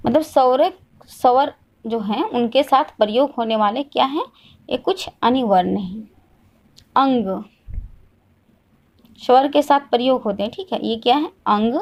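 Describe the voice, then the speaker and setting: Hindi teacher woman quizzing and repeating. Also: on the high side. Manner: asks questions and answers them herself, repeats each point. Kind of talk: classroom lesson.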